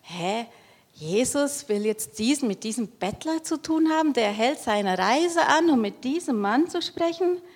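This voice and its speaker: A woman voices a snooty crowd of townspeople who hush and scold a beggar. The tone is bossy and superior, with a raised pitch. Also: measured pace, big-room sound. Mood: indignant.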